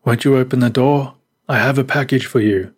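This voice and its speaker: A man voicing a deranged adult male stranger who demands and threatens, with a husky voice. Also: lowish voice, normal speed, darkish tone. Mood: coaxing.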